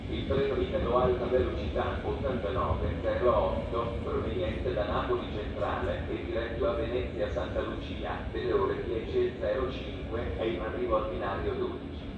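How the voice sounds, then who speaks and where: A man giving a formal, measured, automated train station announcement over loudspeakers on an outdoor railway platform. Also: fairly low pitch, steady tone, muffled recording. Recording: distant echoey station PA, loud train noise. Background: trains and station ambience.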